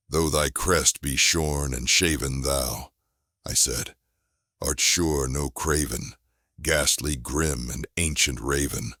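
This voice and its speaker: A man with a deep, firm voice giving a solemn, theatrical recitation of a gothic narrative poem. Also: sharp tone, dry recording, clean studio sound. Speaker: poetry reader.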